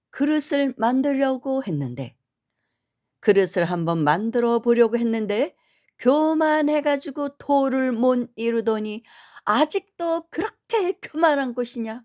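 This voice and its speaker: A woman's voice: mid-range voice, darkish tone. A woman voicing a stern old monk rebuking. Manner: thundering rebuke, slow and drawn out. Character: stern older male Buddhist monk, scolding.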